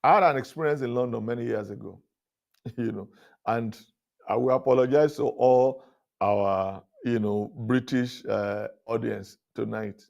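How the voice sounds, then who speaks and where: A man giving a sermon-style leadership talk at a conference. He speaks animatedly, chuckles between points, and his pitch climbs high when he drives a point home. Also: a little slow, vocal fry, a little mellow, highs cut off. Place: conference hall.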